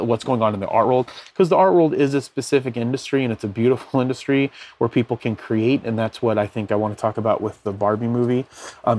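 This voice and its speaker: A podcast host with a darkish mid-range voice rambles loosely through a casual lo-fi show from his bed at home. He uses many fillers and looks things up mid-talk, and a little hiss or hum is audible.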